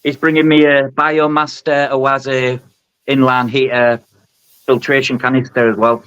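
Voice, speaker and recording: A man from the north of England with a Northern English accent, a guest in a casual live chat, excitable and prone to stammering restarts. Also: mid-range voice, unhurried, clear, resonant tone, highs cut off.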